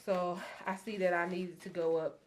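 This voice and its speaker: A woman casually explaining a craft project step by step, chatty and excited about her materials. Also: on the low side, moderate pace, slight background noise. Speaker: craft tutorial host. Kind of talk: casual DIY how-to narration.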